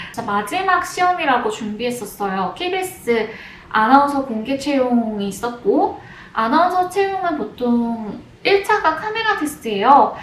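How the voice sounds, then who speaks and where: A young woman speaks in a fairly high voice, telling her own story in a calm, measured way with a few restarts. The room around her gives the voice a noticeable echo, and a faint hum of ambience sits underneath. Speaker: vlogger, former announcer job seeker. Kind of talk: casual personal storytelling to camera.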